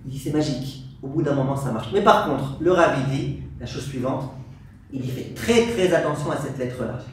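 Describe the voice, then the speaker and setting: A man teaching a Torah class as a rabbi, animated, acting out angry exchanges and quizzing his audience. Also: medium pitch, a little fast. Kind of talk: lively Torah lesson to an audience. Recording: very echoey room, voice from far off, faint hiss.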